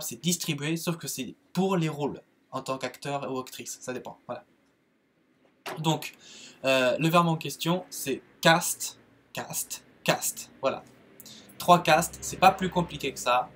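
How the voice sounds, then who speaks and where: Slow-talking French man teaching verbs. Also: medium pitch, fairly bright tone, a little hiss or hum. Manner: slow, halting, many fillers and restarts. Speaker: English teacher, channel host. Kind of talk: casual spoken lesson on English verbs.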